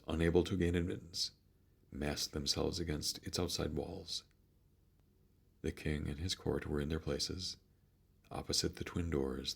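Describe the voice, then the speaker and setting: A man narrates a classic tale in an extremely deep, firm voice with a heavy gravelly creak. His delivery is measured and soothing, with a husky edge to the tone.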